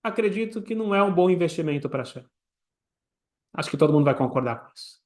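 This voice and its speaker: High-voiced rabbi teaching a sermon. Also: male voice, animated, fast talker. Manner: explains with everyday examples, drops to a soft voice for asides.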